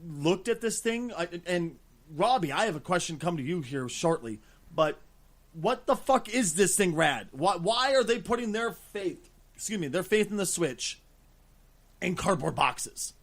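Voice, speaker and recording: A man hosting a casual gaming podcast, talking in an excitable, rambling, profane way. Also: sits high, measured pace. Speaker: podcast host.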